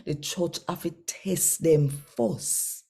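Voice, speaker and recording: Slow, low-pitched, creaky, and husky, this Jamaican-accented woman's voice carries a daily scripture reading. Between passages she addresses her viewers casually, in a warm, folksy manner with conversational Creole turns of phrase.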